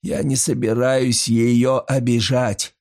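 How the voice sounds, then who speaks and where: A man's voice: medium pitch, level tone, slow pace, creaky, a little mellow, pitched above the performer's own voice. A frightened old father in a read-aloud story, rich, haunted and prone to frantic outbursts, as a man acts him out. Between his outbursts he sounds drained. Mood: weary. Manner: outbursts of panic and pleading.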